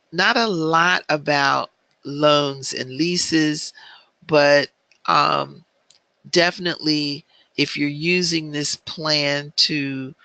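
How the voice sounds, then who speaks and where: A man teaching an online business planning class, speaking in a measured way with frequent filler ums. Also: a little high, pushed and bright, dry recording.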